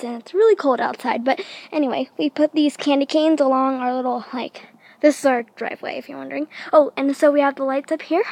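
A woman's voice: high voice, low-quality recording. A young woman chatting casually to viewers in a home holiday vlog, giggly and talkative, filming on a handheld camera. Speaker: vlogger. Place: family home at Christmas.

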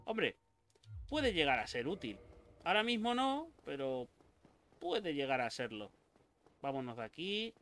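Excitable, swearing Spanish gamer guy. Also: on the high side. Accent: Spain Spanish. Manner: excitable, swears a lot, talks to the game characters. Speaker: gaming YouTuber. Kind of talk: let's play commentary.

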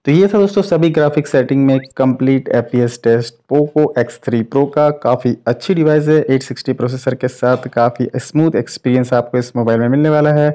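Speaking to his audience like friends, this channel host and tech reviewer offers relaxed, explanatory commentary during a phone gaming test. His voice sits at a medium pitch and has a warm quality.

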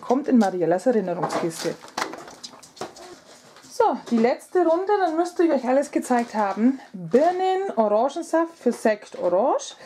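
Casting: female vlogger, thirties, slightly high voice, chatty and informal, presenting items to viewers at home. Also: mellow, slight background noise. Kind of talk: casual grocery haul vlog narration. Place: indoors at home, kitchen.

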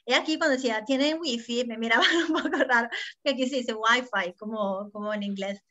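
Class moderator, woman, bright and fairly high voice, hesitant phrasing. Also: a little fast, muffled recording. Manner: hesitant, searching for words.

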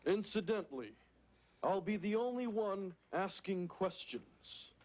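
A man's voice: high-pitched, lively intonation, a little slow, a little mellow. A man voicing a wisecracking, nasal furry alien who acts as a bossy, theatrical seance medium in a sitcom. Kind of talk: sitcom acting. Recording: noisy sitcom soundtrack.

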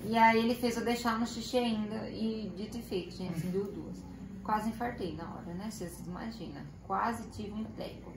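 A woman's voice: mid-range voice, moderate pace. A young Brazilian woman telling a personal story to viewers in a chatty way, often correcting herself mid-sentence. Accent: Brazilian Portuguese. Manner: chatty, self-correcting, quotes family in dialogue. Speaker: vlogger. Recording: roomy home video with faint noise.

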